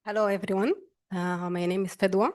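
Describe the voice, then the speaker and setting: A woman with a Sudanese accent introduces herself and her work to a group, speaking haltingly with pauses. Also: medium pitch, level tone. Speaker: course participant, malaria researcher. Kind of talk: spoken self-introduction to a group.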